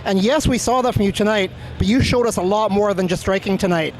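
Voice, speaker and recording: A man's voice: sits high, quick pace, low-quality recording. A man interviewing conversationally after a fight, friendly and complimentary, explaining things as he goes. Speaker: sports interviewer. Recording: faint urban ambient noise behind.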